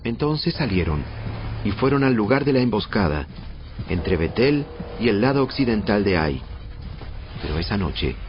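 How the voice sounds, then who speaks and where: A man narrating a dramatized audio Bible in a measured storytelling delivery. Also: fairly low pitch. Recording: muffled band-limited audio. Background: prominent background music.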